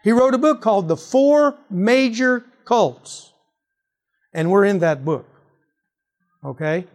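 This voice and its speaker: A man's voice: sits high, takes it slowly. A male preacher teaching on apologetics, reading scripture aloud and quizzing his listeners with rhetorical questions. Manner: animated, asks rhetorical questions.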